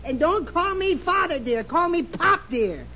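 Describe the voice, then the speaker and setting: A man's voice: very high voice, expressive, unhurried, bright, forceful tone, exaggerated voice. An actor playing a flustered, cowardly husband and father with an American accent, stammering through old-time radio comedy. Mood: exasperated. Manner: sputtering, stammering, exasperated. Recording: muffled noisy old radio recording, audience.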